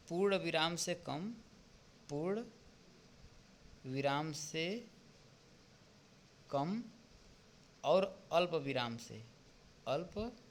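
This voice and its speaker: A male teacher going through an exam paper step by step, often pausing to check with "ठीक?". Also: a little high, vocal fry. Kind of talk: exam paper walkthrough lesson.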